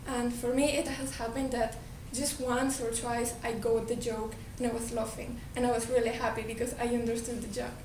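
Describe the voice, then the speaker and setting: A native Spanish speaker with a Colombian accent gives an earnest talk to an audience in a high, somewhat dark voice with little pitch movement, at normal speed and with few pauses. She repeats and restarts words, and the distant mic in an echoey hall picks up background noise.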